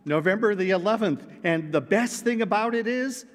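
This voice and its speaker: In a large church sanctuary with a long hall reverb, a congregation member presents an announcement as a playful, pun-filled skit. His voice sits high and moves at a normal speed, and he delivers the punning lines with a playful deadpan.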